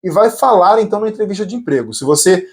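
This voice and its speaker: A man teaching an English lesson, speaking casually with many tag words and saying model English phrases slowly and carefully. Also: sits high, lively intonation, darkish tone.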